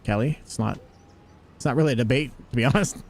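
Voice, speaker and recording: With a mid-range voice and quick pace, a young man from the United States runs a relaxed gaming livestream. He chats away, says hello to viewers, and jokes while playing.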